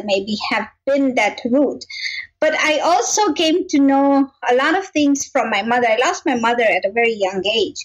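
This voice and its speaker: A woman in her fifties, originally from Kenya, speaks with a notably high voice. She tells her story in an earnest, reflective manner as an interview guest. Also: rough recording. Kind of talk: interview conversation.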